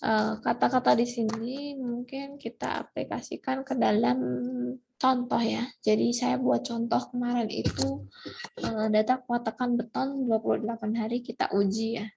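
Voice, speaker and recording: A woman's voice: a little high, flat delivery, normal speed, creaky, mellow, slight background noise. A woman lecturer giving a recorded online lesson, explaining step by step with many fillers and restarts. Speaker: university lecturer.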